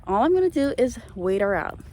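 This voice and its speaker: Out on a dog walk, a woman talks to camera in a relaxed way, explaining things like an owner sharing training advice as she handles her dog. Her mellow voice sits on the high side, swings widely in pitch, and moves fairly quickly. It's captured on a handheld camera mic with plenty of noise.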